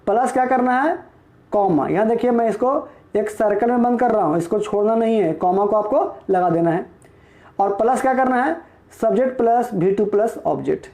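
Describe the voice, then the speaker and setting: A man teaching a grammar class in a bare, echoing room, his voice pitched high but soft and mellow. He is from Bihar and works through each rule one piece at a time. He keeps asking the students questions and answers them himself in a patient classroom rhythm. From Bihar, India. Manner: explains step by step, asking the class rhetorical questions. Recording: echoey room.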